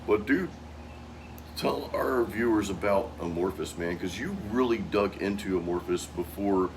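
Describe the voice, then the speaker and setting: A middle-aged American man hosts a casual chat in a very low voice. His talk is loose and slangy, and there is clear noise in the background. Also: moderate pace. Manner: informal, peppered with "dude" and "man". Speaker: host.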